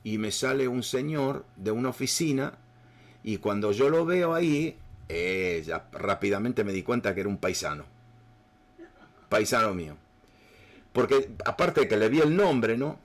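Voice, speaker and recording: Guy preaching, middle pitch, rambly story with lots of restarts and fillers. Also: big pitch swings, a little slow. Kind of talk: sermon storytelling.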